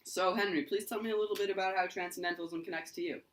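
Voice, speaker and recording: A man's voice: sits high, steady tone, quick pace, fairly bright tone, a little hiss or hum, poor audio. A young man hosting a mock interview in an amateur school skit, asking questions with hesitant uhs.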